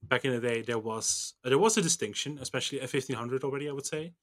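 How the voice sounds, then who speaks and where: Podcast co-host who rambles into self-mocking tangents at an average pitch. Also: male voice, fast talker. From Netherlands. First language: Dutch. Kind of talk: casual chat.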